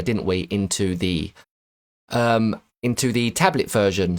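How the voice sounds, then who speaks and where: Man talking through a screen tutorial. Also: lowish voice. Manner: methodical step-by-step, self-correcting. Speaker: web design tutor. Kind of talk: screen-recorded software tutorial.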